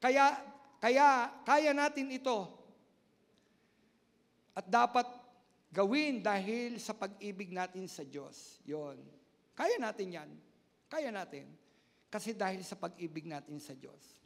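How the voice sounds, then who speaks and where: A man preaching a sermon as pastor, emphatic and repetitive, swinging between loud and soft. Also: high voice, big pitch swings, measured pace, gravelly. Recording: long hall reverb.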